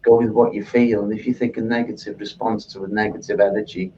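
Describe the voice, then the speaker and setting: A man's voice: on the low side, little pitch movement, fast talker, warm tone, recorded from a distance, highs cut off, slight background noise. A man speaking as a guest in a casual interview, hesitant and often repeating his words.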